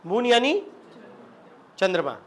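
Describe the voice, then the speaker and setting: A man's voice: high voice, expressive, takes it slowly. A man teaching a classroom lesson on English spelling, asking the students questions and repeating them. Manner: slips into local Rajasthani dialect.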